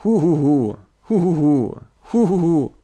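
A man's voice: mid-range voice, measured pace, lightly acted. A man voicing a short, drunken sailor who is brash, giggly and rambling.

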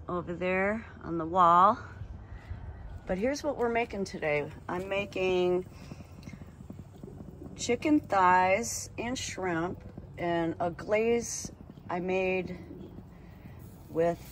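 A woman's voice: lowish voice, a bit bright, slight background noise, poor audio. A woman talking casually while grilling outdoors, filming on her phone with rambling asides. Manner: chatty, unhurried, rambling asides. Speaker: home cook filming herself. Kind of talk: casual cooking vlog. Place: outdoor deck by a lake. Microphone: phone held in hand.

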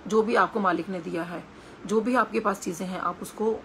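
A middle-aged Indian woman, her Hindi accent clear, delivers a satsang talk woven with personal anecdotes, earnest and full of casual hesitations. She speaks briskly in a mid-range voice with fairly even intonation, and a little background noise is audible.

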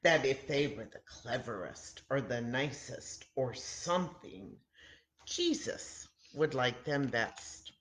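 A woman in her 60s hosts a church children's story time, reading aloud from her home kitchen over a roomy webcam. Her low-register voice is animated, with simple, deliberate phrasing and frequent pauses.

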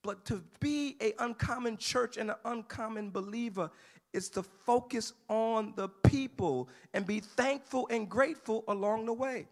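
A man preaching a sermon as pastor in a church sanctuary, moving from calm teaching to shouted, sing-song delivery. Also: sits high, measured pace, vocal fry.

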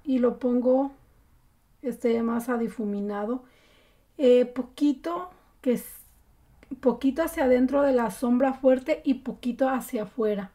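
A woman talks her viewers through a makeup tutorial in a relaxed, chatty way. Her voice sits a little high and has a warm, mellow tone, with frequent fillers between steps. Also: measured pace. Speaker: beauty vlogger.

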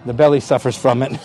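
Outdoors at a hilltop park, a middle-aged man from Canada works as a tour guide on a casual live stream, laughing often and greeting viewers by name in his Canadian accent. His voice is medium-pitched with a dark tone. The phone on a gimbal at arm's length also catches slight background noise.

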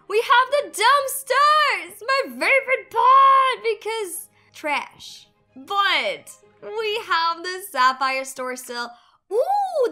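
A woman's voice: sits high, bright, forceful tone. A young woman giving gushing, emotional gameplay commentary as a gaming video creator.

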